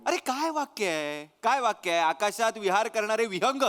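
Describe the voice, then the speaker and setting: Brief: an excitable stage director, very high and lively, scolding then coaxing. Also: male voice, normal speed, background noise. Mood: bossy. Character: bossy excitable male play director. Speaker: sketch actor playing a theatre director. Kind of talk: stage comedy sketch.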